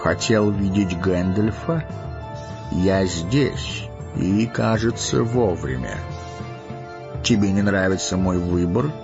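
A man's voice: deep voice, lively intonation, slow, dull audio, music in the background, full character voice. A man reading an audiobook voices an old, stern, commanding wizard in a voice close to his own.

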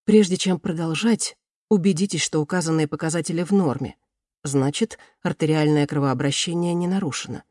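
A narrator voicing a confident young woman doctor in an audiobook, calmly instructing students. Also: medium pitch, a little fast, dry recording, studio quality, natural voice. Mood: instructive. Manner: calm, instructive. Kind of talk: audiobook character reading.

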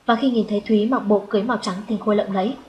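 A woman narrating a story in the first person as an audiobook, in a calm, reflective way. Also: mid-range voice, racing, a little hiss or hum, low-quality recording.

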